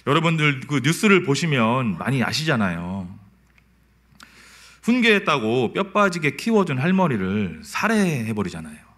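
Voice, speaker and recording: A male pastor delivering a sermon, telling stories and acting out short quoted lines as he goes. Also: mid-range voice. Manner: lively storytelling with acted quotes.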